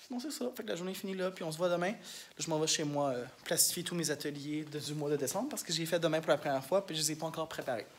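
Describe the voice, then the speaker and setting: A man's voice: fairly high pitch, rapid-fire, a little hiss or hum. A male schoolteacher with a Québécois French accent, talking casually and candidly in a vlog diary, full of fillers. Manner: candid, rambling, heavy on fillers. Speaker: elementary school teacher.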